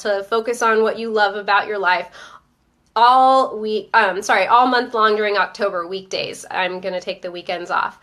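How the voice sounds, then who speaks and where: A stuffy-nosed woman hosts a live stream, her slightly high voice upbeat and chatty. She talks straight to her viewers and reads out their comments as they come in. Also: fairly bright tone. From Northern Virginia. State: stuffy, coming down with a cold. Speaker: host of a live-streamed show. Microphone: webcam or phone on a live stream.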